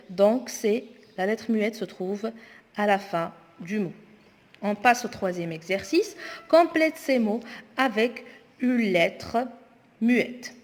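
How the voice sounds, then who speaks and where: A woman teacher going through homework exercises aloud, slowly and deliberately spelling words out. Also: a little high, a little mellow. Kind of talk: spoken homework correction lesson. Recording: long echoing reverb.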